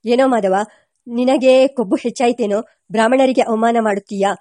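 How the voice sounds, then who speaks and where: A woman's voice: on the high side, fairly even intonation, brisk, mellow, no room sound, natural voice. A woman voicing a commanding older village elder, a grandfather who speaks in a scolding, authoritative way. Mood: stern, scolding.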